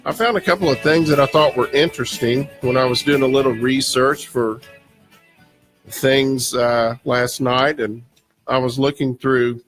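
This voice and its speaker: A man's voice: mid-range voice, steady tone, a little slow, fairly bright tone, soft background music. A male radio show host talking casually and rambling, with many restarts and fillers, his voice a bit scratchy. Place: radio studio.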